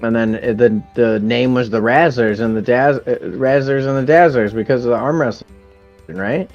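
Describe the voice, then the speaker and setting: A man's voice: mid-range voice, normal speed. A man playing a tabletop game, telling a story easygoingly with some hesitation. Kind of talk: casual chat at a game table. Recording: dull, slightly lo-fi mic with faint music.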